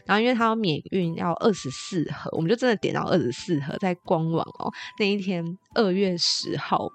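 Chatty Taiwanese woman with gravelly fry. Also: lowish voice, a little fast. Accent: Taiwanese Mandarin. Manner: chatty, playful, exaggerated retelling. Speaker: podcast host. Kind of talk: casual podcast storytelling.

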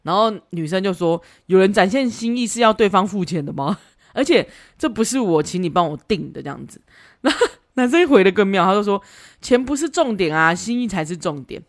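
Animated woman podcaster. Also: medium pitch, a little fast. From Taiwan. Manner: animated, laughs often while retelling. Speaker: podcast host. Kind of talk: casual storytelling.

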